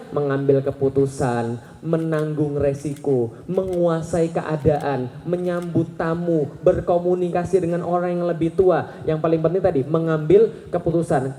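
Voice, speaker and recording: A man in his thirties preaching a lively Islamic sermon to a live crowd, telling stories, acting out the people he quotes and asking the audience rhetorical questions. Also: a little high. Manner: animated storytelling, acting out quoted voices. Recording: echoey hall sound.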